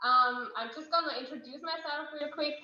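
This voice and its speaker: A woman's voice: high voice, moderate pace, pushed and bright. A German woman hosting an online cooking class, talking chattily and eagerly with many fillers, with a German accent, heard over a distant laptop mic in her kitchen. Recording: echoey, distant, muffled video call audio.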